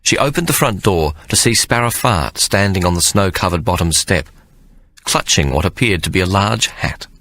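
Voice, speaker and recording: A man narrating an audiobook in a measured storytelling manner. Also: sits low, expressive, fairly bright tone. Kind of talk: scripted narration.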